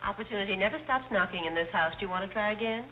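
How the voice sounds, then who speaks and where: An actress playing a wry, unimpressed maid, tossing out deadpan sarcasm in 1930s screwball comedy banter. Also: female voice, mid-range voice, rapid-fire, close to an everyday voice. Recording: thin tinny old film soundtrack, hiss.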